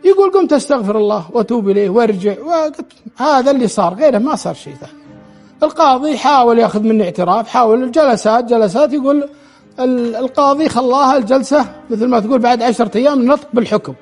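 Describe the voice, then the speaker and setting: High-pitched fast storyteller man. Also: expressive, faint music behind. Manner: retells dialogue in quotes, frequent restarts. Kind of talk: spoken storytelling.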